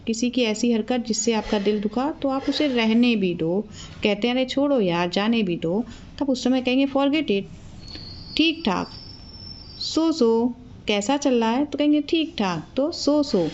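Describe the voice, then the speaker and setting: A woman with an Indian accent teaching English. She says each phrase first in Hindi, then repeats the English slowly. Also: a little high, lively intonation, a little mellow, muffled recording, a little hiss or hum. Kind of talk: slow, repetitive spoken English lesson.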